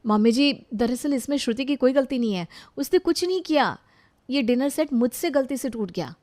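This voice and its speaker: A woman voicing a polite young daughter-in-law who speaks softly and agreeably. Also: sits high, lively intonation, normal speed. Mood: apologetic. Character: favoured young daughter-in-law, sweet and obliging.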